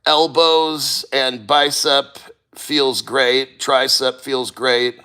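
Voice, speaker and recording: Slow-talking, bright-voiced man on a livestream. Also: mid-range voice, fairly even intonation. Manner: blunt, swearing; halting, sighing, throat-clearing while enduring icy water. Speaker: livestreamer reading viewer comments. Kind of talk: casual livestream chat.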